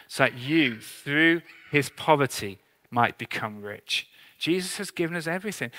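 Pitched slightly high with a pushed, bright quality, the pastor from England, around forty, delivers a relaxed, sincere, self-mocking sermon. The hall's long reverb colors his voice.

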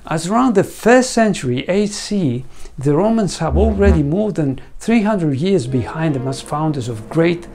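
Speaking with a Greek accent, a veterinarian and site founder from Greece, a man in his forties, gives a scripted studio lecture against a green screen using a lapel mic. His voice is fairly high, animated and darkish at normal speed. He narrates earnestly, like a story, and asks the viewer questions.

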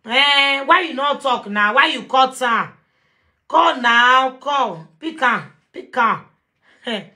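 A woman with a Nigerian accent hosting a live video call, animated and confrontational, mixing Pidgin English. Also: high-pitched, slow. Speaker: talk show host.

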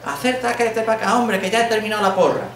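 A man plays a friendly village carpenter, hearty and chummy, with a high-set voice. He sounds distant in an echoey room, with music behind. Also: quick pace, slight background noise.

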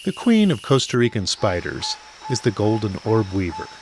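A man's voice: fairly low pitch, sing-song, normal speed, a little hiss or hum. A man narrating a scripted nature documentary with an informal, wryly playful manner.

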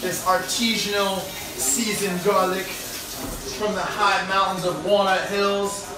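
A young adult man hosts a home cooking video in his apartment kitchen, chatting in a laid-back, rambling way with jokey asides. His high voice is slow and level, recorded by a phone on the counter a few steps away, so the sound is roomy and echoey.

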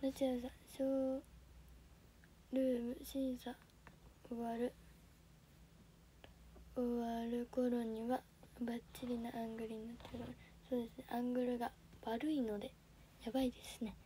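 A teenage girl with a Kansai accent chats politely on a phone-camera livestream, her voice fairly high yet mellow and dark in tone. She talks softly and often drifts into a half-whisper. A faint hiss of noise sits under her voice. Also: little pitch movement, moderate pace, long pauses. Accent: Kansai Japanese. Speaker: audition livestreamer. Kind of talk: casual livestream chat reading viewer comments.

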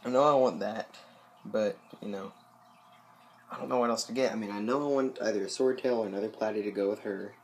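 This young vlogger's voice runs on the low side, with a little hiss or hum in the audio. Standing by his fish tank at home, he rambles casually to viewers about his aquarium, peppering it with fillers and asides while his voice stays a bit loose.

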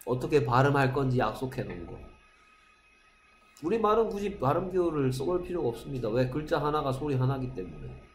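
A Korean-speaking man teaches middle school English in an echoey classroom, drilling pronunciation and frequently checking that his students are following along. His mid-range voice is very animated and fairly quick, with a little hiss or hum in the recording.

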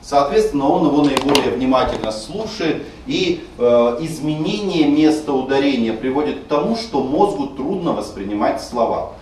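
A man teaching a class explains Russian stress rules in a screencast lecture, sounding words out to demonstrate. His medium-pitched voice has lively intonation and a little mellowness, moving at a moderate pace with hardly any pauses. A distant mic in a very echoey room picks him up, with faint noise.

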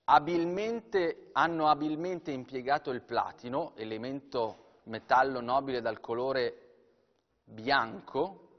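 Man, live TV auctioneer, descriptive sales patter, mid-pitched voice, long reverb, dull sound. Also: takes it slowly.

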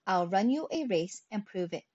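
A woman voicing a slow, steady, self-assured tortoise in a read-aloud fable. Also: mid-range voice, slightly rough, no room sound. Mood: confident. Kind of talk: storybook reading. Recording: dull lo-fi recording.

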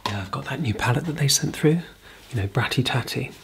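A woman in her thirties performing a fast ASMR role-play as a brisk, chatty makeup artist, murmuring softly close to the microphone. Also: very deep voice, heavy background noise. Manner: fast, breathy ASMR soft-spoken and soft murmuring.

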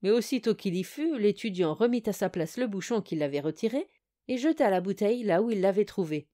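A woman's voice: mid-range voice, expressive, a little fast, dark tone, no room sound, clean studio sound. Woman narrating a fairy tale. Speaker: audiobook narrator. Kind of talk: storybook audio reading.

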